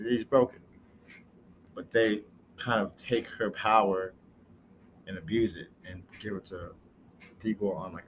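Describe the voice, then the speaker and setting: A man's voice: sits low, a bit bright, slight background noise. A man reviewing and reacting to a comic episode in loose, slangy commentary with rambling asides.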